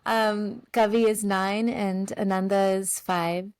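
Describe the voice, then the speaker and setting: A woman guest in an interview, telling a family story in a gentle, heartfelt way with soft laughs. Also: medium pitch, steady tone, takes it slowly, clear, resonant tone, no room sound, poor audio.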